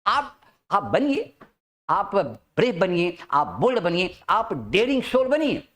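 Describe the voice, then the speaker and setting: Lively high-voiced man teaching a class. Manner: lively, drawn-out emphatic English phrases, checks understanding often. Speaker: spoken English teacher. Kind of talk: classroom lecture in Hindi and English.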